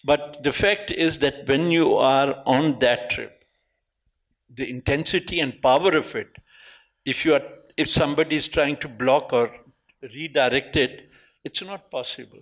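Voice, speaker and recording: A man's voice: mid-range voice, unhurried, fairly bright tone, rough recording. An older man with a North Indian accent speaking emphatically and philosophically on a panel, switching between Hindi and English. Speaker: panel guest. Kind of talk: reflective panel talk mixing Hindi and English.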